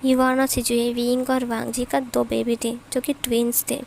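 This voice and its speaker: Woman storyteller with a high voice, chatty and casual retelling, faint hiss behind. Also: level tone, moderate pace, gravelly, a little mellow. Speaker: story narrator. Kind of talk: casual fan-fiction storytelling.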